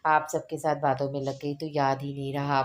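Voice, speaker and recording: A woman's voice: rumbling low, flat delivery, moderate pace. A woman voicing a tearful, pouting young wife who pleads and sulks. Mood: upset.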